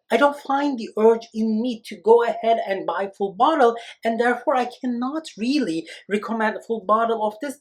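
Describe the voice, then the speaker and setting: A chatty, high-pitched man from Turkey, a native Turkish speaker, hosts a channel reviewing fragrances. He talks casually to camera, expressive and full of "you know" and "like."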